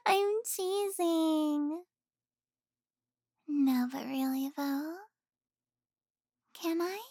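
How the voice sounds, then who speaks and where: A young woman playing an affectionate, teasing girlfriend in an intimate audio roleplay, speaking softly with sighs and giggles. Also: high-pitched, drawn-out words, long pauses, no echo, clean studio sound, exaggerated voice.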